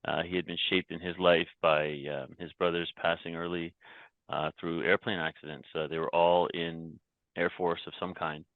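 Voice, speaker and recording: A low-voiced Canadian man, a podcast guest and company founder, shares his story in casual interview talk at a moderate pace and level tone. He often restarts and repeats words, and the tinny phone-like remote line is dry with no echo.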